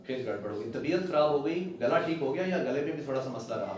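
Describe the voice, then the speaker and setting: A male doctor examining a patient at the bedside, gently coaxing and repeating his instructions and praising the patient. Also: mid-range voice, expressive, fast talker. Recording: very echoey ward, distant, crowd behind.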